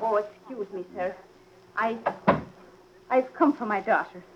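A woman's voice: medium pitch, measured pace, slight background noise, natural voice. A woman playing a bitter, grieving, accusing mother in melodramatic, vehement old radio drama style. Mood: timid. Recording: dull old radio recording.

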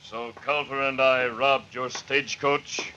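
A noble western radio hero, solemn and formal. He speaks slowly and deliberately in a very bright, cutting voice, over clear hiss from an old recording. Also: mid-range voice, fairly even intonation, dull audio. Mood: solemn, calm. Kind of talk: 1940s radio western acting. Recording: noisy vintage radio recording.

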